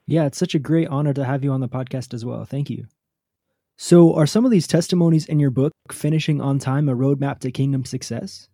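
A man's voice: mid-range voice, brisk, warm tone, no room sound, studio quality. A man hosting a podcast, asking polite and encouraging interview questions. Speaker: podcast host.

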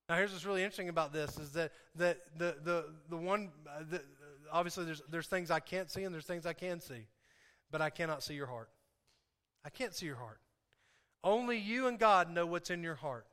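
Male preacher, high and forceful voice, informal but impassioned, hammering repeated phrases home to his congregation. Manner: informal, conversational asides. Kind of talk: sermon to a congregation.

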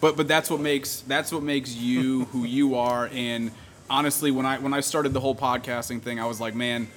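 A man's voice: medium pitch, fairly even intonation, normal speed, a little hiss or hum. A man hosting a casual podcast at a brewery, rambling with lots of fillers and repeated words. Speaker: podcast host. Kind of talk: casual chat. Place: brewery taproom.

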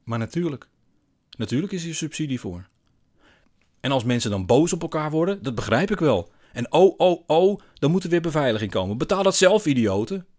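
A man voicing an angry middle-aged man who rants and shouts at a bar, indignant and bellowing. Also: a little high, lively intonation, a little fast, voice pushed up. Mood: ranting.

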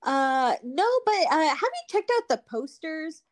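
Female podcast co-host, lively upper pitch, dry casual quips. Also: a little slow. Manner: dry quips between short agreeing replies.

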